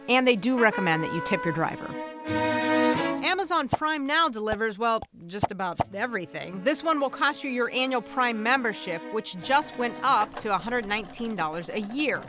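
A woman reporter reading a scripted consumer news segment in a wry, breezy manner. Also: mid-range voice. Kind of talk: scripted news narration with jokes. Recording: voice-over with clear music bed.

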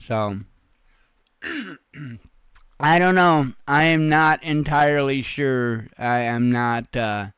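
The clip features a man running an online news commentary channel, informal and unscripted, blunt and homespun with occasional rough language. He has a smooth mid-range voice on a dry recording.

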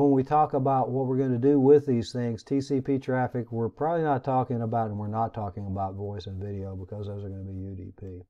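A man teaching a recorded networking lecture, talking in a halting way with many restarts and fillers. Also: mid-range voice, warm tone, highs cut off. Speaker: instructor.

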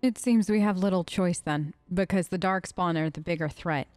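A clear-voiced woman with a fairly low, darkish tone speaks at a normal speed, casually role-playing her character in a voice-over on gameplay. Her improvised commentary is informal and tentative, as if thinking aloud, captured on a close mic with a dry sound.

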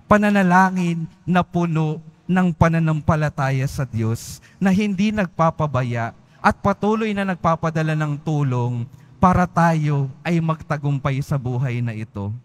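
A male priest delivers an earnest sermon, circling back over his phrases and letting each one sink at its close. His voice sits a little high for a man. The sound carries a long, hanging reverb from a large church. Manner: earnest preaching, repeats phrases, voice falls at each phrase end.

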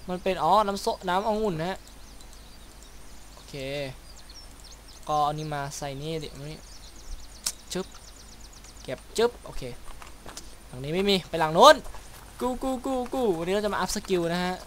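A man's voice: high voice, lively intonation, normal speed, pauses often, slight background noise. A man giving casual let's-play commentary as a gaming video host, chatty and given to making little mouth sound effects. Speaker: gaming YouTuber. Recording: loud game sounds behind voice.

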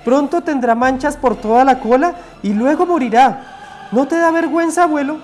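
Sapito, a man doing a squeaky little toad. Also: normal speed, darkish tone, soft background music. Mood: excited. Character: small young toad, timid but brave.

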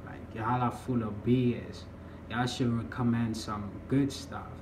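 A young man from the United States chats to his phone camera in an unhurried, drawling way, often trailing off mid-thought. His middle-pitched voice is recorded at arm's length in a small room that rings with echo, with a faint hiss behind it. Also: little pitch movement. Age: young adult. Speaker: vlogger. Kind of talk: casual vlog to camera.

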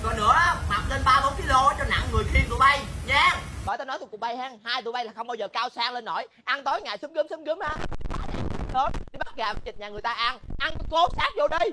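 A woman with a Southern Vietnamese accent playing a sharp-tongued village woman who scolds her neighbors sarcastically in a comedy skit. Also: high voice, quick pace, background noise, natural voice. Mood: taunting. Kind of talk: comic sketch acting.

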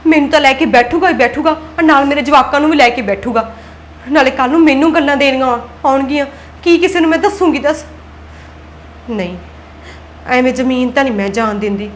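A woman's voice: high-pitched, fairly quick, long pauses, a little hiss or hum, lightly acted. An actress playing a scheming young wife and daughter-in-law in a family drama, who argues back and plots under her breath. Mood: plotting. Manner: argumentative, self-talk plotting. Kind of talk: Punjabi web-series acting.

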